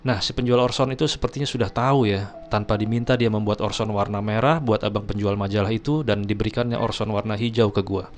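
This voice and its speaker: A man's voice: fairly low pitch, fairly even intonation, fast talker, hardly any pauses. A man casually telling a personal story, chatty, keeps addressing his viewers. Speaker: storyteller host.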